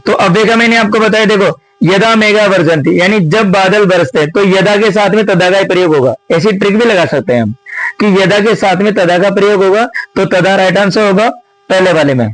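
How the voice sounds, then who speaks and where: A man's voice: sits high, fairly quick, no room sound, poor audio. A man teaching Sanskrit, going through exam answers step by step and often asking a question, then answering it himself. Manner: explains step by step, often asks and answers his own questions; addresses viewers as friends. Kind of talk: exam answer-key lesson.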